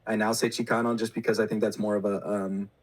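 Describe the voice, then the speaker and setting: A man's voice: lowish voice, little pitch movement, fast, low-quality recording. Man, podcast host, casual chat, laid-back, slangy, filler-heavy.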